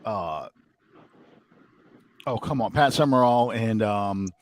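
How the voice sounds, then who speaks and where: A man's voice: fairly low pitch, lively intonation, takes it slowly. A man from the New Orleans area hosting a casual sports podcast, rambling and thinking aloud with many ums. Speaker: podcast host.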